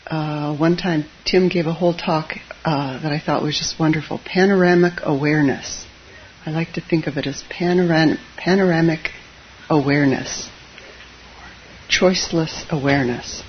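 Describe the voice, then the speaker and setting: A Zen teacher gives a gentle, informal dharma talk to a live audience in a meditation hall, hesitating often with fillers and dropping in wry asides. Her soft, steady voice sits mid-pitch and tends to sink quiet and low. The lo-fi recording sounds dull, with a faint hiss beneath.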